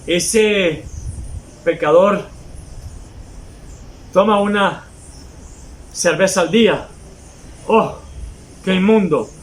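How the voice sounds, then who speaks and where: Emphatic high-voiced preacher. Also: male voice, drawn-out words, long pauses, low-quality recording. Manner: emphatic preaching, mocking hypocrites in mimicked asides. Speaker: pastor. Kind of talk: sermon.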